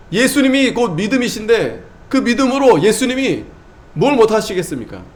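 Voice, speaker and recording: A male pastor delivers an emphatic sermon in a fairly high voice. He repeats his main points for weight. He moves between loud, driving exhortation and quiet, hushed asides. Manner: emphatic, repeats key phrases.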